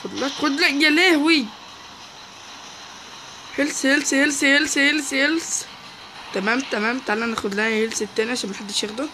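A man with an Egyptian Arabic accent giving excitable live gameplay commentary, repeating words in quick bursts. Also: extremely high pitch, slight background noise, low-quality recording. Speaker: gaming YouTuber.

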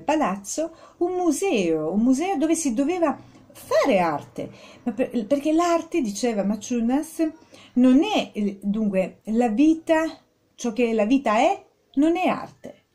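A woman giving a spoken art history lesson, informal, with many fillers and restarts, stressing key words with rising pitch. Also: warm tone. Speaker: art teacher.

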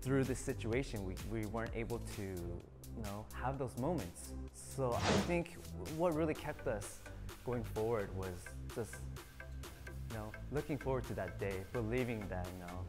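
A man's voice: medium pitch, normal speed, over music. A man in his twenties whose first language is Korean, answering interview questions earnestly in English with many fillers. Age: 20s. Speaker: band member guest. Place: bright studio with a group.

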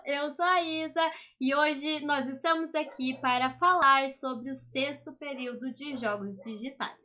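Raspy, high-pitched young Brazilian woman vlogging. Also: a little slow, pushed and bright. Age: 20s. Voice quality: raspy smoker-like voice from rhinitis. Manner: chatty, rambling. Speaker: video channel host, games student. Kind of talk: casual vlog talk to camera. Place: small indoor home room.

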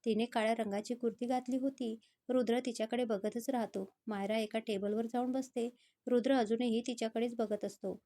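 A woman storyteller reading a romantic story in a steady, scripted narration. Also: fairly high pitch, moderate pace.

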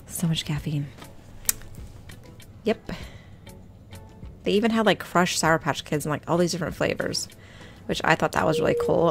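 A woman's voice: on the low side, creaky, fairly bright tone. A woman vlogger chatting casually to her viewers about her shopping finds, rambling and talking straight to them. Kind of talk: casual shop-with-me voice-over.

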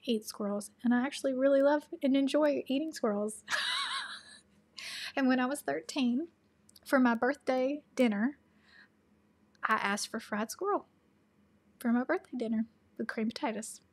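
Answering viewers' questions on a laid-back livestream, this chatty host speaks with a Southern American accent from Tennessee. She has a high-pitched voice at a normal speed, pausing often, laughing a lot and dropping into soft asides.

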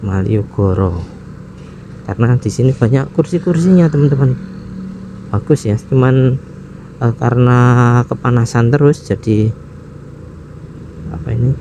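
Riding a motorcycle outdoors in city traffic, a medium-pitched male motovlog host narrates casually, thinking aloud about where to go. His pace is unhurried and he chuckles at times. Street traffic and engine sounds run behind his voice.

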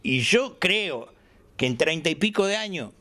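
Older argentine guy telling stories in his workshop, high voice that jumps around a lot. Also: a little slow. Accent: Argentine Spanish. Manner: animated storyteller who acts out quoted dialogue. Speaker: aircraft builder interviewee. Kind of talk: casual interview in his workshop.

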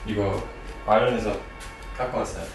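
An Irish man in his twenties, a native English speaker, chatting casually in a halting way in a second language. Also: fairly low pitch, fairly even intonation, over music. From Ireland. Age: 20s. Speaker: documentary subject. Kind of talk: casual chat. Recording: ambient background noise.

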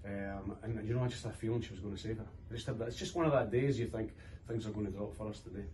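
Scottish football manager, quick and chatty. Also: male voice, on the low side. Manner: animated, gestures with his hands while talking. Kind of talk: post-match interview. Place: club room indoors. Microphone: camera from a few metres. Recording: distant camera mic, faint room hiss.

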